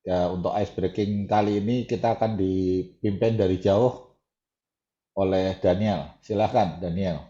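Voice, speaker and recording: A man's voice: low-pitched, steady tone, measured pace, dark tone, echoey room, highs cut off. A man hosting a church men's meeting on a call, casually thanking members and handing over to the next leader. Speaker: host of the meeting.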